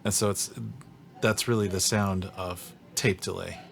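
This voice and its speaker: Male podcast co-host, lowish voice, relaxed explainer. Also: a little slow, gravelly, faint music behind. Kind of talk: casual chat.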